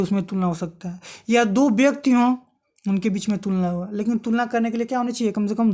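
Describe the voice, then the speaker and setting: With a warm tone and medium pitch, this woman teaches a grammar lesson aimed at exam preparation. She is patient in her explanations and keeps asking questions only to answer them herself.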